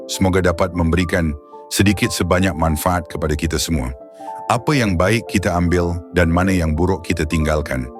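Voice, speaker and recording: A very deep-voiced man from Malaysia reads a scripted wrap-up for his channel. His delivery is formal and smooth. Background music plays clearly throughout. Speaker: channel narrator. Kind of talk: scripted narration.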